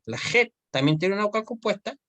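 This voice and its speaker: A man's voice: high voice, expressive, brisk, bright, forceful tone, no room sound. A man teaching an online Hebrew grammar class, explaining step by step and often checking that students follow.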